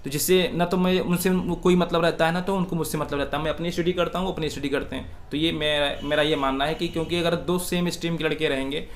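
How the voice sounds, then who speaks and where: A man's voice: on the high side, steady tone, quick pace, few pauses, a little hiss or hum. A young man answering interview questions earnestly, giving advice and calling the interviewer sir. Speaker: exam aspirant being interviewed.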